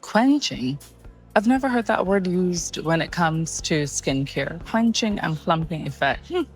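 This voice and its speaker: A woman's voice: fairly low pitch, expressive, moderate pace, faint music behind. Chatty woman vlogging on the go. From Barbados. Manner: chatty, asks viewers questions. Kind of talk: casual vlog chat. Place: out and about in a city, car and shops.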